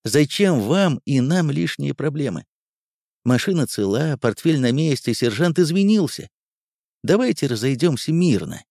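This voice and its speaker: Cool-headed army lieutenant, soft persuasive tone, read by a man; dry close audiobook sound. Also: mid-range voice, big pitch swings, moderate pace, no room sound. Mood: soothing. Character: calm shrewd male army lieutenant.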